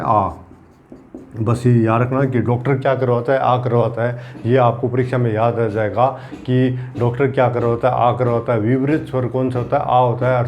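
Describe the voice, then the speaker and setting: A man's voice: medium pitch, highs cut off, a little hiss or hum. A man teaching Hindi grammar in an exam-prep lecture, repeating key points and using everyday examples to drill them.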